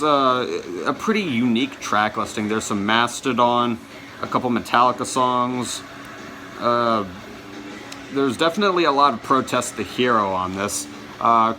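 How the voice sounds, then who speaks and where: Over a noisy background, a low-voiced man vlogs about his collection, chatting casually with his viewers. He rambles, frequently stumbling over words and correcting himself.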